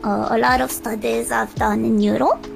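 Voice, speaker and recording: High creaky-voiced woman with a Russian-sounding accent. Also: little pitch movement, moderate pace, music in the background. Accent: mixed, Russian-sounding. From Japan, spent childhood in Osaka. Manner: playful, self-mocking. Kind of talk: casual chat, sweary.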